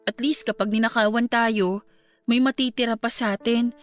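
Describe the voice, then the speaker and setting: An actress voices a young adult woman mourning her grandparents in a radio drama, earnest and polite in tone. She speaks at a normal pace with fairly even intonation, her slightly high voice close to how she'd sound in everyday life, over faint background music.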